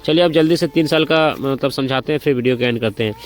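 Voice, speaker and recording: A man's voice: medium pitch, soft background music. A man in a casual vlog, walking viewers through loan arithmetic step by step, repeating figures and calling the audience friends. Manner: repetitive, walks through sums step by step, addresses viewers as brothers and friends; speaking slowly and deliberately by choice. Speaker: motorcycle finance explainer.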